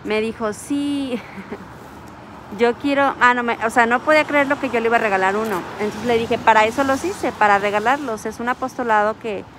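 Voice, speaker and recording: A Mexican woman with a fairly high voice tells a story into her phone camera while she waits outdoors at a bus stop. She is animated and acts out each line of dialogue. Faint street and traffic noise sits behind her. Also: brisk. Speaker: vlogger. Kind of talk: casual storytelling vlog.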